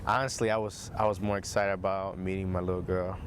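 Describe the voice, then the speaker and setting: A young man giving a casual, halting documentary interview, full of "you know.". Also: low-pitched, little pitch movement, background noise. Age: young adult.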